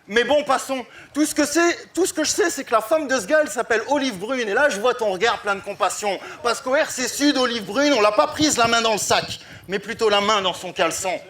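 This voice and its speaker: A man's voice: very high voice, fairly quick, hardly any pauses, fairly bright tone. A man delivering a taunting rap battle verse with storytelling jabs. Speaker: battle rapper. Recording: noisy live recording.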